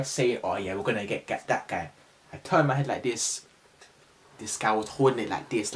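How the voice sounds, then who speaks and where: A young man telling a story to camera in a casual, slangy way. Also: medium pitch. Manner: animated, slangy, bursts of shouted sound effects.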